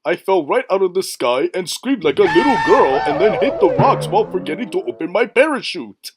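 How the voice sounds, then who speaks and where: A man's voice: sits high, very animated, takes it slowly, music in the background, full character voice. A man voicing a dopey, cheerful cartoon dog who rambles through silly stories. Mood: rambling.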